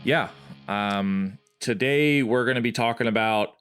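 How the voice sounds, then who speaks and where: A man's voice: mid-range voice, measured pace, a bit bright, clean tone. A man co-hosting a podcast in casual chat, giggling a lot and swearing casually. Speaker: podcast co-host.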